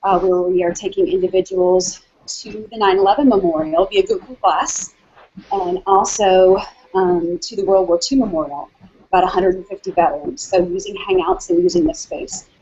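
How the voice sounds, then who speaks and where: Husky woman on a lo-fi video call. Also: medium pitch, lively intonation, normal speed, a little mellow. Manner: chatty, many ums and restarts. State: slightly out of breath from walking. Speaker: hangout host. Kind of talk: casual video call chat. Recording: dull lo-fi video call audio.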